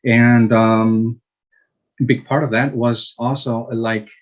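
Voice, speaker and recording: A man in his fifties from Chile, answering interview questions slowly with frequent hesitations and restarts. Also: medium pitch, little pitch movement, muffled recording. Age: 50s. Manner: slow, halting, many fillers and restarts. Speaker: guest.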